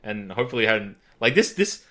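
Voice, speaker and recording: A man co-hosting a podcast in casual chat, relaxed and agreeable, with lots of fillers. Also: on the low side, a little fast. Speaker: podcast co-host.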